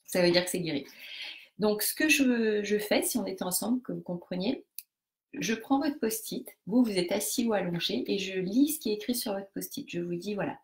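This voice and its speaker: A woman's voice: medium pitch, moderate pace. A woman leading a live group coaching session, explaining a technique step by step to participants with frequent hesitations and restarts. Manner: hesitant, many fillers and restarts while explaining; instructive, talks directly to participants.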